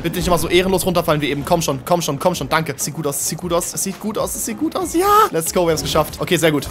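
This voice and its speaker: Young man, let's play streamer, slangy, excitable, very fast talk, game music behind. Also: on the high side. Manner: excitable, slangy, talks to himself while playing. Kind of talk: live gameplay commentary.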